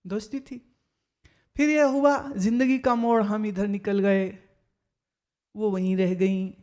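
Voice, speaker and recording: A woman spiritual teacher giving a discourse, telling anecdotes in a lively way and acting out what other people said. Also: medium pitch. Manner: lively storytelling, acts out other people's remarks.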